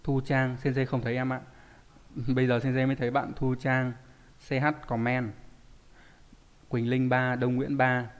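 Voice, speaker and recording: A man's voice: mid-range voice, monotone, normal speed, pauses often. Male language teacher quizzing his class. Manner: quizzing students with frequent rhetorical questions. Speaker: Japanese teacher. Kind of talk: live online lesson, reading out student answers. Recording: long hall reverb.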